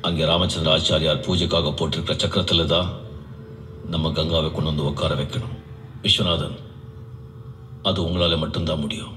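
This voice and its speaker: Grave, deep-voiced film man, fast and echoey. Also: little pitch movement, bright, forceful tone, far from the mic, a little hiss or hum. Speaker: character in a film clip. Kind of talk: film dialogue. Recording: roomy film audio heard from afar.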